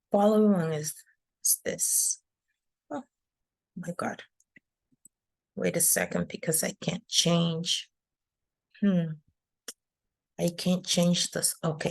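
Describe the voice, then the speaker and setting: Slow, patient woman teaching a class. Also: on the low side. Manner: patient, explains step by step with fillers. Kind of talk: online class lecture.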